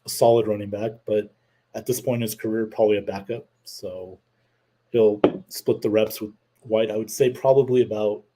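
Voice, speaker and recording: A man's voice: fairly low pitch, little pitch movement, normal speed, noisy background. A man hosting his own show, giving opinionated, rambling sports talk to a live chat audience. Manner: opinionated, rambling with fillers, reads chat comments aloud. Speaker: host. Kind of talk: casual livestream sports talk.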